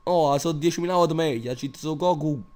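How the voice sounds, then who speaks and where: Comic dub role: man acting touchy gym show-off, highish male voice, Neapolitan accent, brash sweary street slang. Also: brisk, a crowd in the background, natural voice. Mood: boastful, irritated.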